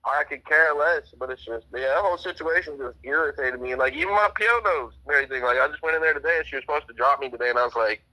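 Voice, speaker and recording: Fast-talking young man over a phone line. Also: a little high, pushed and bright. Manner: rambling, profane, quotes others with "she's like". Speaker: trial witness. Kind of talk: casual phone conversation.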